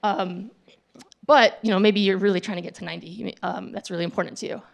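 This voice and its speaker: Gravelly-voiced woman giving a casual talk. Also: mid-range voice, fairly even intonation, quick pace. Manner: conversational, acts out sample dialogue, frequent ums and restarts. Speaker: tech meetup speaker. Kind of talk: casual presentation to an audience. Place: meetup event venue.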